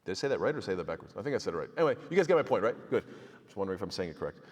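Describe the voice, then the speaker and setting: Speaking low-ish, very animated, and rapid-fire, a man runs a casual Islamic law lesson in a mosque hall with a long reverb tail on his voice. He sprinkles in Arabic terms, jokes around, and performs short back-and-forths between people, keeping it conversational.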